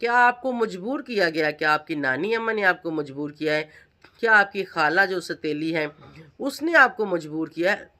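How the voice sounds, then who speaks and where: A woman's voice: on the low side, expressive, normal speed, bright, forceful tone. A middle-aged woman, giving an emphatic reaction vlog commentary full of accusing rhetorical questions. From Pakistan. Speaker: vlogger.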